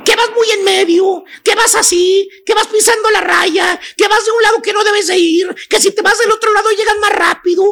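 A shrill, piercingly high radio professor, with a gravelly rasp under every word. He preaches at his co-hosts in crude slang, shouting his points as a radio comedy bit. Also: fairly even intonation, normal speed, hardly any pauses, exaggerated voice. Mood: ranting. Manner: lecturing rant full of slang, frequently shouting. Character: ranting middle-aged male radio professor, crude and preachy. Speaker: comedy character on a radio show.

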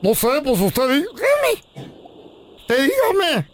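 Man playing a whiny customer, prank call, very high voice, lively pitch. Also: slow, a little hiss or hum, heavily acted. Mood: whiny complaint. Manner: whiny, insistent complaining. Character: squeaky-voiced male customer complaining about pills.

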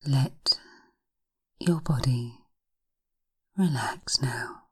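A hypnotherapist who hosts a podcast leads a guided hypnosis in a soft, breathy, half-whispered spa voice. She is soothing, drawing out her phrases and leaving long pauses, and her voice is bass.

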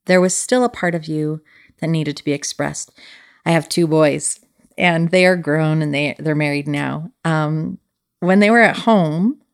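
A woman's voice: sits low, measured pace, clean tone. A middle-aged woman telling a personal story in an earnest, thoughtful, sincere way. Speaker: speaker sharing a personal story.

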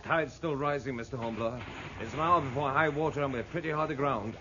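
An actor playing a stern, gruff naval lieutenant in a period audio drama, with a clipped, commanding and dry way of talking. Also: male voice, mid-range voice, fast, background noise, lightly acted. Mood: grim, urgent. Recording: dull sound, busy crew din behind.

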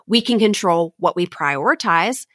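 A woman's voice: lowish voice, lively intonation, measured pace, fairly bright tone, no room sound, clean studio sound. A woman hosting a motivational solo talk for teachers, speaking in an earnest, direct and encouraging way. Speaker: podcast host and teacher coach.

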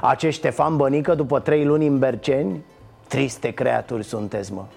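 A man's voice: mid-range voice, creaky, darkish tone, faint music behind. A man hosting a satirical news show, delivering a mocking, sarcastic monologue.

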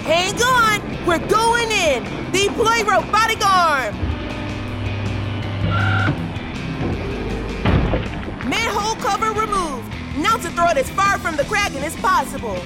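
A woman's voice: extremely high pitch, lively intonation, moderate pace, few pauses, over loud music. A woman playing a plucky, easily flustered child adventurer in a children's audio adventure, speaking in an earnest, exclamatory way. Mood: determined.

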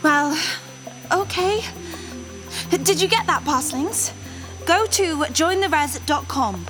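A woman voicing an excitable, playful young hero who jokes and talks straight to the listeners. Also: high-pitched, slow, soft background music, exaggerated voice. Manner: eager, jokey. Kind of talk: kids' audio drama.

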